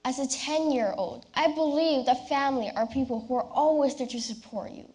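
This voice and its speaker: A young woman delivering a rehearsed, memorized competition speech as a personal story, with deliberate, theatrical phrasing and dramatic pauses. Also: sits high, a little mellow. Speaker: youth speech competition contestant.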